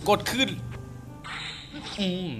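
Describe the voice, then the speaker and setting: Guy hyped up playing a fighting game, lots of oohs and wows, game music going behind. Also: very slow. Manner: excitable, exclaims and gasps often. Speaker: game reviewer. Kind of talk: excited gameplay commentary. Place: home beside a busy road.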